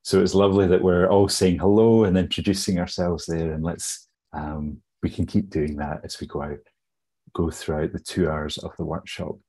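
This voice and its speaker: Scottish male webinar host, low mellow voice, friendly, hesitant with fillers. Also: little pitch movement, normal speed, husky. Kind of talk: webinar housekeeping. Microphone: video call.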